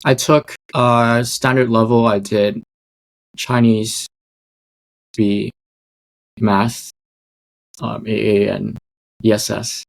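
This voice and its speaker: Young man with gravelly low voice. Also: little pitch movement, takes it slowly, long pauses, rough recording. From Hong Kong. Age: young adult. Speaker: podcast guest. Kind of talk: casual interview.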